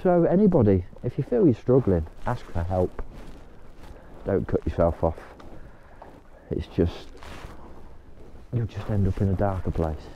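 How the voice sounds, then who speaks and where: A man's voice: sits low, lively intonation, a little slow, pauses often, dark tone, highs cut off, slight background noise. An older man chatting casually to camera while kayaking on a canal, talking to his dog now and then. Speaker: vlogger. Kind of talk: casual vlog chat.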